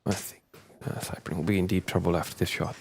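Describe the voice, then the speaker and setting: A man's voice: low-pitched, steady tone, fast, vocal fry, husky. A man giving casual, hesitant snooker commentary with many fillers, also chatting about running events. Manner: hesitant, filler-heavy, soft-spoken. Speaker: guest commentator.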